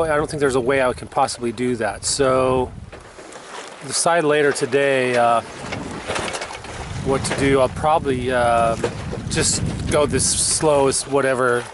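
Filming himself at arm's length from his sailboat's cockpit out at sea, a man in his fifties talks in a loose, relaxed video diary, frequently correcting himself. He has a medium-pitched voice, and wind and sea noise fill the outdoor camera audio.

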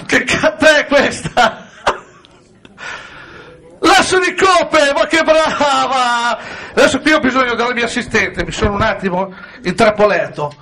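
A man's voice: very high-pitched, normal speed, pushed and bright. A man doing stand-up comedy on stage, firing punchy jokes at a live audience. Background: audience laughter.

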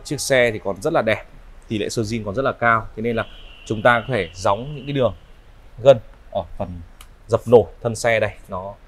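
A man in his thirties with a northern Vietnamese accent gives an unscripted used-car sales walkaround in smooth, polite, repetitive patter. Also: medium pitch. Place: large indoor car showroom. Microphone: clip-on lapel mic.

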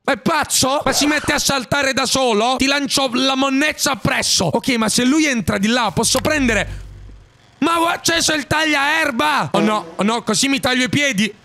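High, bright, screaming young gamer. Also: male voice, moderate pace. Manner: excitable, screams and jokes while playing; shouted panicky outbursts. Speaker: gaming youtuber. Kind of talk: let's play commentary. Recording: faint game music behind.

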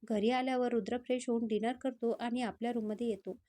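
Mellow woman storyteller. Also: fairly high pitch, steady tone, brisk. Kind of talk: scripted story narration.

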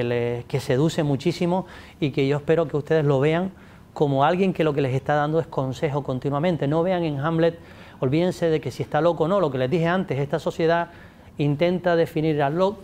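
A man in his forties, a native English speaker and literature scholar, appears as a guest in a studio with a pink backdrop, answering interview questions about literature into a table mic. His voice is a little high with a darkish tone, and there's slight background noise. He gestures a lot, restarts often, and speaks to the audience.

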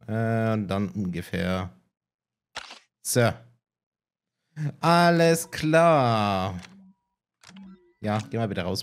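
A man's voice: lowish voice, vocal fry. A man casually commenting while he plays a game, musing aloud and poking fun at himself. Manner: musing, self-mocking, talks to himself while playing. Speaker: let's play gamer. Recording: game music behind the voice.

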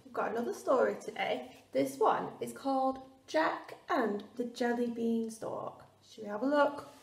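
A woman primary teacher reading a storybook aloud to children with lively emphasis. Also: fairly high pitch, normal speed, vocal fry, far from the mic, a little hiss or hum. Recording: roomy echo, off-mic.

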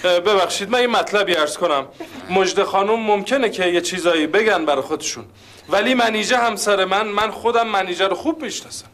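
An actor playing a polite, deferential husband in a sitcom. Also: male voice, sits high, fairly bright tone. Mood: earnest. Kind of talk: sitcom acting.

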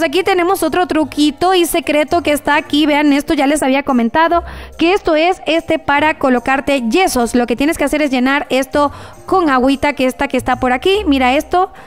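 Taking on the role of a frazzled mother, this female gaming host talks straight to viewers during gameplay commentary. Her voice sits high and her delivery is theatrical and full of exclamations.

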